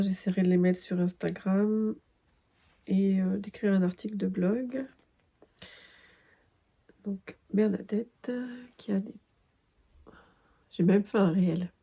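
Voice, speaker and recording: A woman from France chats slowly through her crafting vlog, pausing often with fillers and false starts. Her voice is low-toned and mellow with a gravelly, husky edge. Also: steady tone. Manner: hesitant, many fillers and restarts. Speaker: crafting vlogger. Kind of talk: casual chat.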